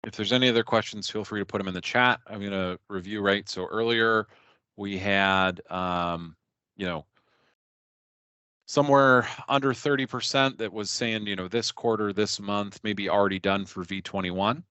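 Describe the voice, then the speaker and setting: A man's voice: fairly low pitch, normal speed, bright, forceful tone, smooth, no echo, lo-fi sound. A man hosting a product webinar in a casual, hesitant way, with many fillers and "right?" tags. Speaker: webinar host.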